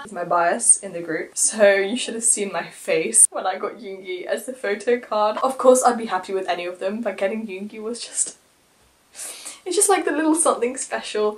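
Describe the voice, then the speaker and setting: A teenage girl chatting excitedly through a casual haul vlog, gushing over her presents. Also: mid-range voice. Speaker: vlogger.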